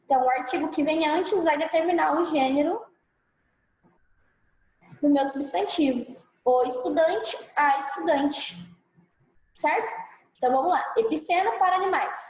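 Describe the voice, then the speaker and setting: A Brazilian woman teaching a grammar lesson, checking in with her students often and sounding out example words slowly and loudly. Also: high-pitched, reverberant, rough recording. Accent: Brazilian Portuguese. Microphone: clip-on mic.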